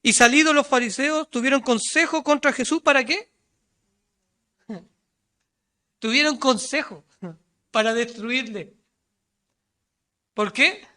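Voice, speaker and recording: Male preacher, Chilean Spanish accent, very high-pitched, sharp bright tone, preaching a sermon, questions and answers himself. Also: takes it slowly, pauses often. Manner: asks rhetorical questions and answers them, reads scripture aloud; voice rises loud and high when quoting the crowd, drops low and quiet on asides.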